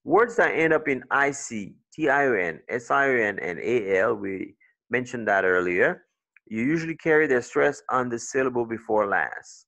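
Slow, gravelly-voiced male English teacher. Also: medium pitch, expressive, fairly bright tone, dull audio. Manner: checks in often with "okay" and "all right". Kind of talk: explaining pronunciation rules, switching between English and French.

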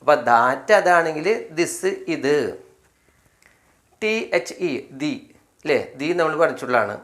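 A man with a Malayali accent teaching English spelling, slowly spelling each word letter by letter and repeating its meaning. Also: on the high side, a bit bright. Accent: Malayali, from Kerala. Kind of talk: spelling and pronunciation lesson.

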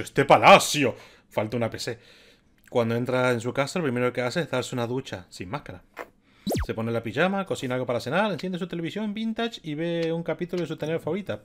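Comentarista bromista de tono muy animado. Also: male voice, medium pitch, slight background noise. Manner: joking asides, loose rambling. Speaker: gaming video creator. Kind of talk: casual let's-play commentary.

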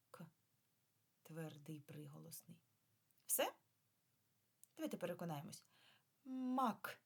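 A woman teacher giving a remote lesson to first graders, drawing out sounds slowly and patiently asking the children questions. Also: lowish voice. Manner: slow, clear, drawn-out sounds for children. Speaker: primary school teacher.

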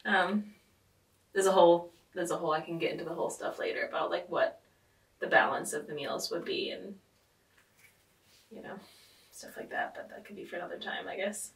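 A woman's voice: on the low side, a little fast, gravelly, long pauses. A woman hosting a casual podcast chat, rambling with lots of fillers and "like". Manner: rambling, filler-heavy, frequent "like". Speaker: podcast host. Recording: roomy, distant mic.

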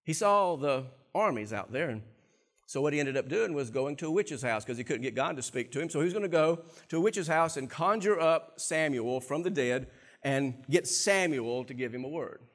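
This middle-aged pastor's voice is a little high, and he talks at a normal speed. He delivers an animated sermon from a church stage through a lapel mic, moving back and forth between soft and loud sections.

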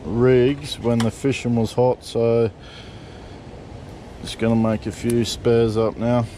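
A man's voice: medium pitch, level tone, slow pace, dark tone, a little hiss or hum. A middle-aged Australian man chatting casually while rigging fishing gear at the back of a parked vehicle, swearing in an easygoing way, recorded on a body camera. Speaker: fishing vlogger. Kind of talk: casual how-to chat. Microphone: point-of-view body camera.

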